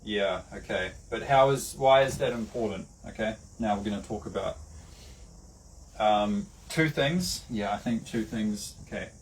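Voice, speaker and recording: A man with a New Zealand accent giving a rambling, casual lesson, full of fillers and restarts. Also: fairly low pitch. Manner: halting, many fillers and restarts. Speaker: online lecturer. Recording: distant mic with faint background noise.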